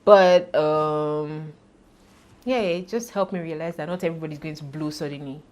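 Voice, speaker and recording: Low-voiced woman vlogging. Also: moderate pace, darkish tone, slight background noise. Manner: chatty, self-deprecating, laughs often. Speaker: YouTuber. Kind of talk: casual talk to camera.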